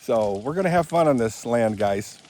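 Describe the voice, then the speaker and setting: Working outdoors on rural land, a man in his seventies from Michigan chats casually in a rambling vlog shot on a handheld phone camera, often correcting himself. He speaks at a moderate pace with a medium-pitched, expressive, slightly mellow voice.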